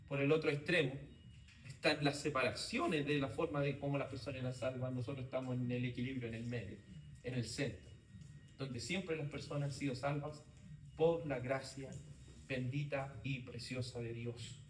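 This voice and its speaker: A man's voice: medium pitch, fairly even intonation, normal speed, far from the mic. Man teaching a theology class, echoey room. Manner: speaks in short phrases, repeats key points, asks the class to confirm. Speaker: Bible teacher. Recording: roomy echo, voice from off-mic, faint background noise.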